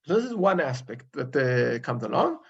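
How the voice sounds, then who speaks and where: A man teaching a Torah class as a rabbi in an informal lecture, halting and searching for his words. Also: medium pitch, very animated, gravelly, slightly rough. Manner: halting, searching for English words with frequent pauses. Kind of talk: informal study-group lecture. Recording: dull lo-fi recording.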